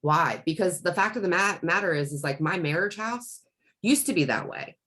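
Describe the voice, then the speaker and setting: Middle-aged woman, very low pitch, rambling conversational coach; casual podcast storytelling. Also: animated, normal speed, a bit bright. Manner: rambling, with many restarts and fillers. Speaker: life coach.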